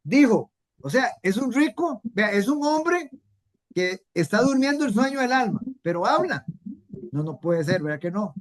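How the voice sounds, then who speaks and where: A woman's voice: on the high side, sing-song, unhurried. Woman Bible teacher, earnest, repetitive, uses rhetorical questions. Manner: earnest, repeats key points, asks rhetorical questions.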